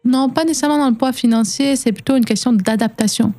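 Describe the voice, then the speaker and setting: Woman, Canadian French accent, Congolese French touches, higher voice, chatty radio guest, lots of fillers. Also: fast, mellow. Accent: Canadian French, adapted to Congolese French. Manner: conversational, many fillers and repeats. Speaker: guest, platform founder. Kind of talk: radio interview.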